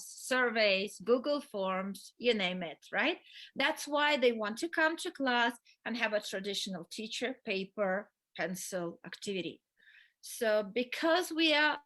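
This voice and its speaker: Slow, bright-voiced woman instructor. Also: mid-range voice. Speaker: language instructor. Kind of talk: webinar presentation.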